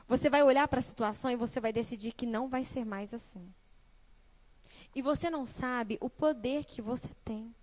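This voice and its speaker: Young female preacher, high-pitched, lively delivery with questions to the congregation. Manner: animated, speaks directly to the congregation with rhetorical questions. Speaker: guest preacher and small-group leader. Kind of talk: sermon. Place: church.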